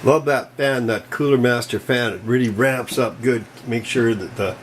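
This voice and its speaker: An older man narrating a hands-on computer repair in a casual, folksy, chatty way, with bursts of excitement. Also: medium pitch, normal speed, background noise. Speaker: PC repair hobbyist.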